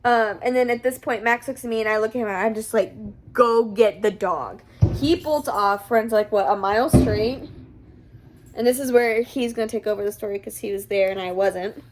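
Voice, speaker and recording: Chatty young woman, kinda high voice, giggles a lot while telling a story. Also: fairly even intonation, brisk, background noise. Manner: giggly, chatty, lots of fillers. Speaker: vlogger. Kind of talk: casual storytelling to camera.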